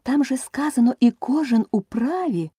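A woman reading aloud, voicing a bold young girl in a storybook who talks high, loud and outspoken. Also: lively intonation, moderate pace, husky, no echo, studio quality, heavily acted. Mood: indignant.

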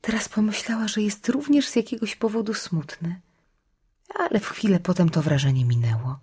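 A woman narrating a storybook in a soft, hushed reading. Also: mid-range voice, normal speed, breathy edge. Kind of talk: scripted narration.

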